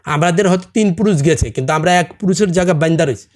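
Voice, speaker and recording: A man's voice: on the high side, very fast, a little mellow. Earnest middle-aged man, non-native Bengali accent. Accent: non-native Bengali, from a Hindi-speaking camp community. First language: Hindi. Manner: earnest, presses with rhetorical questions like "understand?". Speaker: podcast guest, salon owner. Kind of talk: casual chat.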